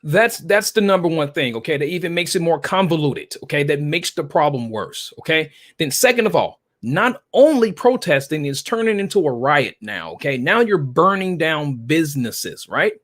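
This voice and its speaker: A man with a fairly high voice and a very lively pitch lectures point by point in a heated political discussion. He keeps checking in with his listener and repeatedly punctuates his claims with a pressing "okay?". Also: normal speed, hardly any pauses. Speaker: guest commentator.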